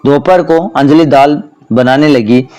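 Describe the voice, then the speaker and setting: A man telling a household story in narration, reading every character's lines in the same even voice. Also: on the high side, measured pace.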